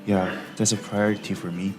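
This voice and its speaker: A man's voice: on the low side, flat delivery, a little fast. A young man from South Korea speaking English as a student, hesitant and full of "like". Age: young adult. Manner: hesitant, fills with "like". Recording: reverberant lecture hall with background music.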